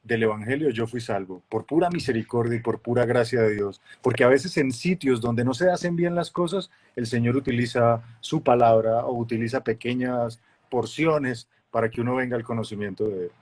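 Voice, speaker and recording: Lively middle-aged man telling a story. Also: medium pitch, moderate pace, few pauses. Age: 40s. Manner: lively storyteller, acts out voices and shifts loudness a lot. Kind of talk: animated testimony in a casual chat.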